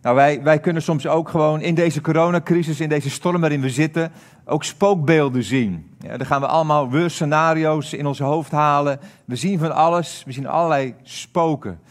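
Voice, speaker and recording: Male pastor, earnest sermon, slightly high voice, halting delivery. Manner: earnest, hesitant with many fillers.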